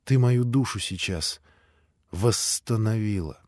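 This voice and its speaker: A man reading an audiobook voices a gentle, devout young man who speaks firmly but quietly and from the heart. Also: on the low side, takes it slowly, no echo, clean studio sound. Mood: earnest.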